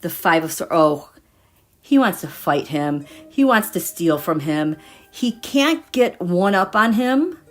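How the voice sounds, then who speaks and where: Woman doing a tarot livestream, slow and rambly, talks things through, soft music behind. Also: lowish voice, sing-song. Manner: chatty, meandering, thinks aloud. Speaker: tarot reader. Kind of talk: casual livestream chat.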